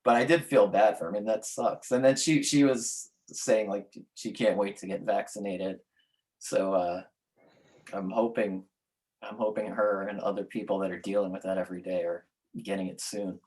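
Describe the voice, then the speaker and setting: A man co-hosting a podcast, talking casually and halting as he searches for words. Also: fairly low pitch, steady tone, darkish tone. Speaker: podcast co-host. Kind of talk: casual chat.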